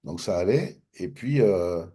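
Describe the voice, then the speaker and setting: A man's voice: sits low, measured pace, slightly rough. A man from France with a French accent, telling a personal story in an interview and acting out past conversations. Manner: animated, acts out both sides of past dialogues. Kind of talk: casual storytelling.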